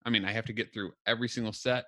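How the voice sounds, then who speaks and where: A man's voice: fairly low pitch, fairly even intonation, racing, sharp tone, no echo, clean studio sound. A man hosting his own podcast, talking casually and chattily with a self-deprecating, upbeat manner, a little out of breath. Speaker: podcast host. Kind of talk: casual solo podcast talk.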